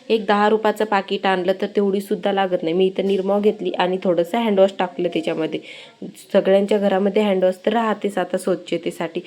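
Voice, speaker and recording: Chatty woman with a mellow voice. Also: medium pitch. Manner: chatty, dramatic, addresses viewers directly. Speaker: home tips vlogger. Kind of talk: casual home cleaning demonstration.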